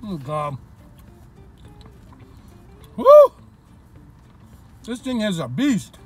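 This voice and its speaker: Guy chatting thru a mouthful of food in his car, highish voice. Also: huge pitch swings, drawn-out words, dry recording, faint music behind. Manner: chatty, chewing between remarks. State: mouth full. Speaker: food reviewer. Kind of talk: casual food review vlog. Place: inside a parked car.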